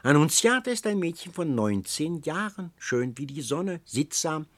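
A man reading aloud, voicing an old counselor who persuades with ornate, flattering speech, in a storybook reading. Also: a little high, moderate pace, no room sound, voice pushed up. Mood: teasing.

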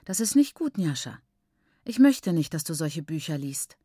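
A woman's voice: deep voice, sing-song, mellow, husky, no echo, clean studio sound, exaggerated voice. A woman reading a proper mother who chats on about manners and scolds her daughter in a falsely cheerful tone. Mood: scolding. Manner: brisk, admonishing, falsely cheerful.

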